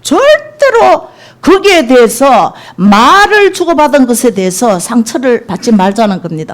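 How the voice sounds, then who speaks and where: A middle-aged woman evangelist giving a sermon testimony, telling stories with feeling and acting out quoted speech. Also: sits high. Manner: emotional storytelling, acts out quoted speech.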